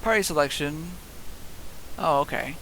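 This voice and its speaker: Gravelly man casually commenting on a game. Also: fairly high pitch, measured pace, pushed and bright. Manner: muttering to self, echoing game dialogue. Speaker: gamer playing and reacting. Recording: hissy background noise.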